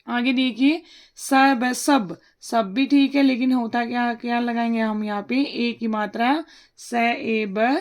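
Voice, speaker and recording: A woman teaching a worksheet lesson for young children, sounding out each syllable slowly and asking questions that she answers herself. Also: fairly high pitch. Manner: slow, sounds out syllables one by one.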